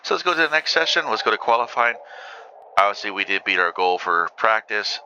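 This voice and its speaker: Over loud engine roar from a racing game, a male gaming-channel host keeps up casual, rambling commentary full of ums. His fairly low voice is animated and brisk, captured with lo-fi sound.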